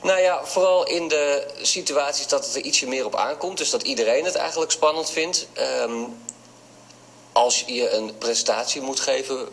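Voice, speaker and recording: A man's voice: mid-range voice, moderate pace, vocal fry, fairly bright tone, a little hiss or hum, low-quality recording. A man who stutters answering radio interview questions, hesitant and reflective, with sound repetitions. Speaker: interview guest.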